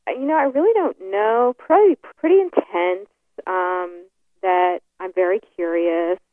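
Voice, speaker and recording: Speaking at a measured pace in a voice on the low side, a New York woman guests on a casual interview by telephone. She sounds hesitant, with lots of fillers and restarts. The phone line is tinny, and there's no echo.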